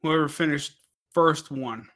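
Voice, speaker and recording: A man with a fairly high, very bright voice hosts a casual podcast. He talks in a crude, joking way and swears freely. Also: measured pace. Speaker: podcast host.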